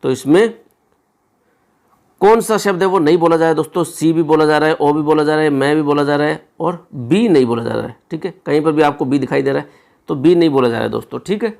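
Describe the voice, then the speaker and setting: Man, gravelly voice, slightly high pitch, exam lesson, repeats each word, step-by-step explanations. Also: fast, darkish tone. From India. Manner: explains step by step, repeats words, says "ठीक है" often. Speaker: teacher.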